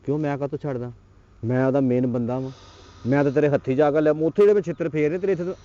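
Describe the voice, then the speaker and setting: A man's voice: on the high side, fairly even intonation, racing, warm tone, lo-fi sound, close to an everyday voice. A man playing a scolding village interrogator. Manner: scolding, mocking, demanding answers. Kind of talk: comedy sketch acting. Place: outdoors in a village.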